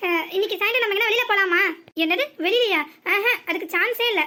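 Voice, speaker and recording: A woman's voice: extremely high pitch, fast, pushed and bright. A woman voicing a quarrelsome young village wife in a cartoon, with a southern Tamil accent and sarcastic retorts. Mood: pleading. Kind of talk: cartoon voice acting.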